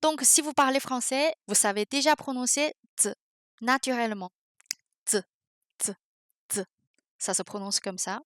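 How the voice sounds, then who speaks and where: A young woman gives a podcast pronunciation lesson in a high, clear voice. She speaks slowly and carefully, sounding out each syllable. The recording is dry and close, with no room sound. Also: a bit bright, no room sound. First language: Mandarin Chinese. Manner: slow, careful, demonstrates syllables aloud. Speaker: Mandarin pronunciation teacher.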